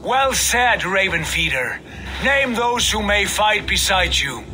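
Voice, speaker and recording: An actor playing a grave, watchful Norse warrior god in a video game, speaking in a formal, declamatory way. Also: male voice, high voice, lively intonation, takes it slowly, bright, forceful tone, heavily acted. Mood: approving.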